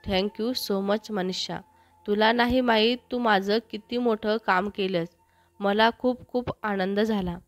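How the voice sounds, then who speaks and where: A woman's voice: mid-range voice, steady tone, slow, no room sound, soft background music, lightly acted. A woman reading as a young man in love. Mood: excited.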